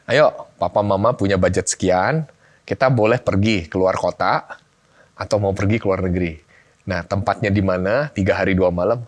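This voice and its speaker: A middle-aged man, a guest on a family talk show, chatting casually and acting out family conversations as he tells stories. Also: low voice. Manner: animated storyteller, acts out family dialogue. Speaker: guest speaker on family life.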